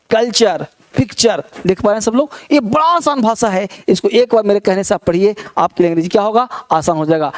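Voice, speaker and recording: A man from India teaching English pronunciation, slowly reading out word lists one by one and explaining the spelling rules. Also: high-pitched. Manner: slow, drawn-out word-by-word drilling. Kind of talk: spoken pronunciation lesson.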